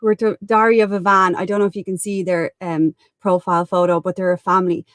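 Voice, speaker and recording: A woman with an Irish accent, a guest on a livestream, chatting loudly and enthusiastically. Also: on the low side, little pitch movement, fast, no room sound. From Ireland. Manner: loud, enthusiastic. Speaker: guest vanlife vlogger. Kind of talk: casual chat on a livestream.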